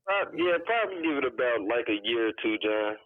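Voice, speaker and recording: A man's voice: medium pitch, sing-song, brisk. A man in his twenties, a podcast guest calling in, talking casually and hedging with lots of "you know". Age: 20s. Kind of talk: casual chat. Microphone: phone call. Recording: dry, tinny phone line.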